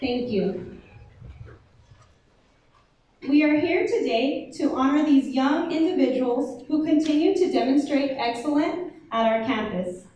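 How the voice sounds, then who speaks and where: A woman's voice: high voice, mellow. A woman emceeing a school honor society induction, reading formal announcements. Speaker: ceremony emcee. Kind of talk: scripted ceremony announcing. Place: large echoey hall. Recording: echoey hall from far off, faint noise.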